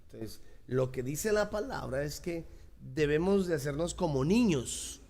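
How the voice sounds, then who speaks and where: A man's voice: fairly high pitch, animated, measured pace, creaky, dark tone. A man preaching a sermon as pastor, emphatic and repeating key phrases.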